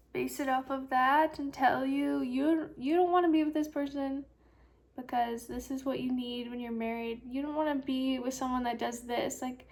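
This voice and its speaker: Sleepy woman rambling on her podcast, high voice, talks slow and drowsy. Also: vocal fry, a little mellow. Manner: chatty, rambling, self-talk with fillers. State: sleepy, yawning. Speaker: podcast host. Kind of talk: casual solo podcast chat.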